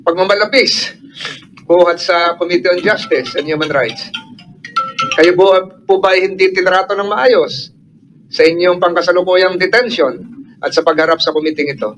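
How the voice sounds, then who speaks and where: A man chairing a hearing, asking formal, polite questions with some halting pauses. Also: high-pitched, a bit bright, rough recording.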